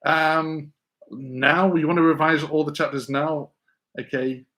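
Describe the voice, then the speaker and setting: A man's voice: a little high, fairly even intonation, unhurried, fairly bright tone. Male teacher hosting a casual live Q&A; rambling, stop-start delivery. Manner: rambling, stammering restarts, reads chat aloud.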